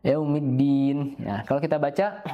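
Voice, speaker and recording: A man teaching careful recitation, slowly drawing out each verse before explaining it briskly, tagging "ya" onto nearly every phrase and clearing his throat now and then. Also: fairly high pitch, narrow, tinny audio. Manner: adds "ya" as a tag after nearly every phrase. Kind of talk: tajwid lesson with slow demonstration recitation.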